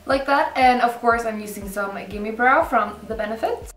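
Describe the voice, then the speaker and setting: A young woman casually talking through a makeup tutorial in an informal, unhurried way. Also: fairly high pitch. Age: young adult. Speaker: beauty vlogger. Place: indoor room set up for filming, backdrop. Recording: roomy, slightly distant mic, music behind.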